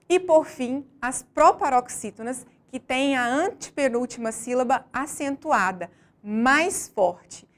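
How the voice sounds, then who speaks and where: A woman teacher reading a scripted lesson slowly and deliberately, stressing each syllable as she explains. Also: a little high.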